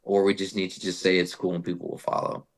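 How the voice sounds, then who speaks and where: Profane, animated young man telling stories. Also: low-pitched, quick pace. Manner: animated profane storytelling, says "bro" a lot. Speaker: podcast guest, metal vocalist. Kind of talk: casual chat.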